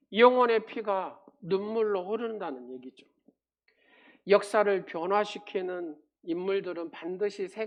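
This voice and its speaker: A man preaching a sermon as a pastor. He drops to quiet murmurs, then climbs to loud, emphatic peaks and puts rhetorical questions to the congregation. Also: high voice.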